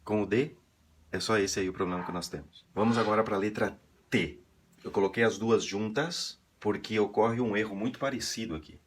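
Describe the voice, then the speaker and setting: A Brazilian man giving a casual pronunciation lesson, chatty and full of "né" and "tá", slowly sounding out syllables. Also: low-pitched, breathy edge. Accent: Brazilian Portuguese. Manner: chatty, drawn-out slow demonstrations of syllables, frequent "né" and "tá". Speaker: Spanish pronunciation teacher.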